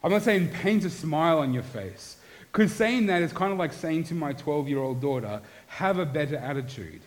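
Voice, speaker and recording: A man's voice: on the high side, moderate pace, poor audio. Earnest male pastor preaching. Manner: earnest, swings from animated to hushed. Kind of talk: sermon.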